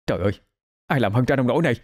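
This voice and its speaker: A man voicing a gentle, flustered young male student, soothing and softly reassuring. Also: mid-range voice, lively intonation, racing, voice pushed up, close to an everyday voice. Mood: shocked.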